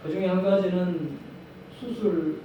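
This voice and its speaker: A man's voice: high voice, a little slow, muffled recording. A man preaching a sermon to his congregation, asking them rhetorical questions and repeating key phrases for emphasis. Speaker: pastor. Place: church sanctuary. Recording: very echoey hall, mic at a distance, faint background noise.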